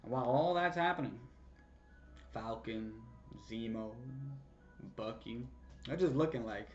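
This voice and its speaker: A man excitedly recapping a TV episode in casual slang, acting out scenes with sound effects. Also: medium pitch, unhurried, soft background music. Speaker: show recap vlogger. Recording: slightly dull lo-fi sound.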